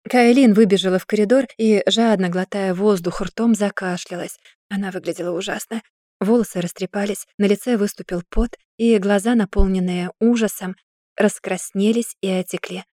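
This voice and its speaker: A woman narrating an audiobook in an even, steady storytelling manner. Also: mid-range voice, normal speed, no room sound, clean studio sound.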